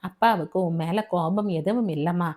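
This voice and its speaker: A woman's voice: on the low side, normal speed, a little mellow, natural voice. Woman reading anxious loving middle-aged mother, motherly, audio novel. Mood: soothing. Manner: soothing then scolding.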